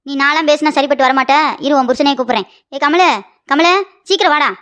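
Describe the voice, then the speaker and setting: A woman voicing a sharp-tongued, scolding middle-aged mother-in-law in a cartoon comedy. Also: high-pitched. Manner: rapid scolding and mocking.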